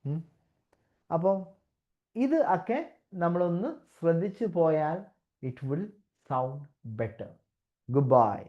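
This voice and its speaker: A woman teaching English test criteria, mixing Malayalam with slow English and restarting her words as she explains. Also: fairly low pitch, animated. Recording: dull lo-fi audio.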